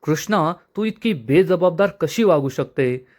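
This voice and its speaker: A man's voice: animated, a little slow. A man voicing a spiteful young woman. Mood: taunting. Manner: taunting, shrill reproach.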